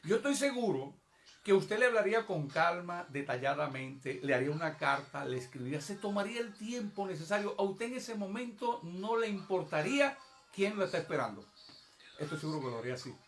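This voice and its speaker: Emphatic male preacher, high register, calls out to the congregation, faint music under the sermon. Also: expressive, a little fast, a bit bright. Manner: emphatic, addresses the congregation directly; acts out prayers and pleas in a raised voice. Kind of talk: evangelical sermon. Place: church service.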